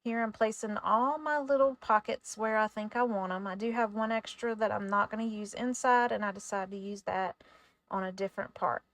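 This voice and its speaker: A woman hosting a craft tutorial in a casual voice-over, chatty and relaxed, sometimes stumbling over her words. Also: mid-range voice, normal speed.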